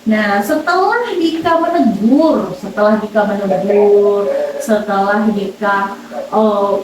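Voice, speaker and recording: A woman school counselor leading a counseling session, gentle and patient, checking back on what she hears with many murmured agreements. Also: medium pitch, slow, recorded from a distance. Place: classroom. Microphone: camera from a distance. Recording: echoey room recorded from afar.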